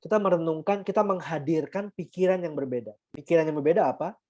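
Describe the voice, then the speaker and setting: A man teaching meditation in a calm, explanatory way, often checking in with his listeners and mixing English terms into his talk. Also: on the high side, fast, muffled recording. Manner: calm, explanatory, frequent tag questions, mixes in English terms. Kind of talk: guiding an online meditation talk.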